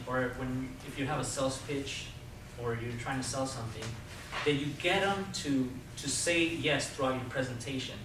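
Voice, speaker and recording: A man giving an informal, persuasive sales presentation to a group, explaining his points directly to the listeners. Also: on the high side. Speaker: Toastmasters club speaker giving a sales talk. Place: indoor club meeting room with a live group. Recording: distant mic, very echoey room, clear noise.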